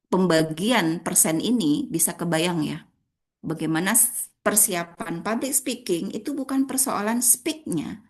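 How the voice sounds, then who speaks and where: A woman with an Indonesian accent leading a public speaking workshop, talking directly to the participants and acting out rising and flat intonation as examples. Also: mid-range voice. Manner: addresses audience as friends, demonstrates intonation.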